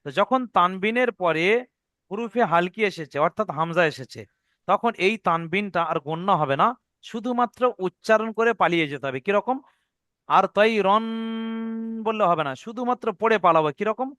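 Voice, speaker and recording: A man's voice: high-pitched, lively intonation, brisk, bright, forceful tone, no room sound, clean studio sound. A man teaching Quran recitation rules in an online lesson, patiently repeating each rule and checking that his students follow.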